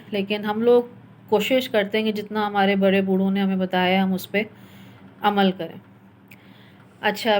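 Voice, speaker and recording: A young woman from Pakistan hosting a storytelling podcast, chatting casually through paranormal stories and slipping English phrases into her telling. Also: on the high side.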